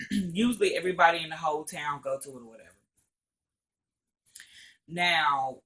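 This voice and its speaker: Speaking in a bright, forceful, slightly high voice, the Arkansas teen vlogger tells a meandering, casual storytime full of curse words and "or whatever."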